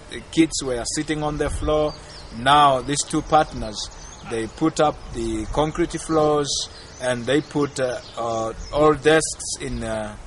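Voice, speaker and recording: A man interpreting a speaker into English, halting with many filler pauses. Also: mid-range voice, a bit bright, a little hiss or hum.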